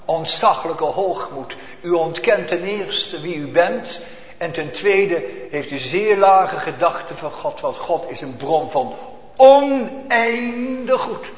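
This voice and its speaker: A man preaches a sermon, dropping to near whispers and rising to emphatic calls, full of rhetorical questions. His voice sits fairly high. The sound is dull and lo-fi, with a long echo rolling around the church. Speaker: pastor. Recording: echoey church, lo-fi reverberant recording.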